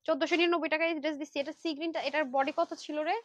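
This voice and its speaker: Her voice is high and fairly even as she races through a very fast Facebook live selling pitch, the recording muffled but free of echo. She's a clothing sale host, pushy and chatty with her audience, and clearly worn out after hours on air.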